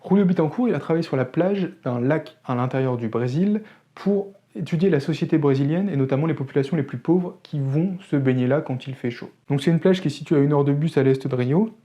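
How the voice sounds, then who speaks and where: A man's voice: a little high, fairly quick, mellow, highs cut off. A man hosting a photography channel, talking casually to camera in an opinionated way with wry joking asides.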